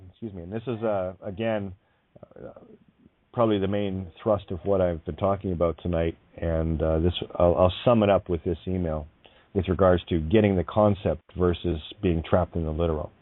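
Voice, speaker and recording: A male show host reading listener emails aloud in a casual, halting way, full of fillers and frequent chuckles. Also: low voice, fairly even intonation, no room sound. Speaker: online radio show host. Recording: tinny phone-like line, dry.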